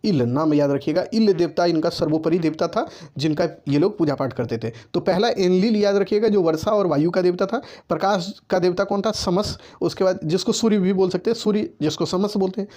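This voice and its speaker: In a brisk, mellow, high-pitched voice with hardly any pauses, a man teaches history to students preparing for exams. His delivery is repetitive, peppered with "ठीक है" check-ins and direct writing instructions.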